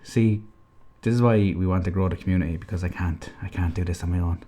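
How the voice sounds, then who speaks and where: A man's voice: low-pitched, fairly even intonation, fast talker, dark tone. A young man co-hosting a casual gaming podcast, teasing his friends and steering the chat back on topic. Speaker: podcast co-host.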